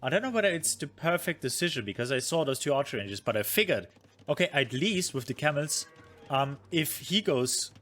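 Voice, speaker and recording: While streaming, a man reviews his own strategy game match in casual commentary, thinking aloud with many fillers, criticizing himself, and responding to chat. His medium-pitched voice sounds pushed and bright.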